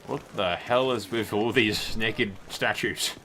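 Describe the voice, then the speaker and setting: A man's voice: fairly low pitch, slow pace, bright, forceful tone, a little hiss or hum. A man giving casual, sarcastic gameplay commentary and swearing freely as he goes. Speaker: let's play host.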